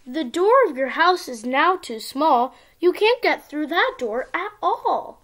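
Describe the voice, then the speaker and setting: A girl of about ten with an expressive, sing-song delivery, reading a storybook aloud as if to small children. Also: high voice, measured pace. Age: child, around ten. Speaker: young video channel host reading a picture book. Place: small indoor room at home.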